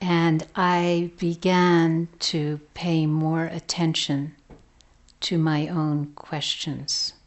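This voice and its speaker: A woman telling a folk tale aloud in a gentle, slow way, with hushed whispered asides. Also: low voice, little pitch movement. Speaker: storyteller. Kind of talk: oral storytelling.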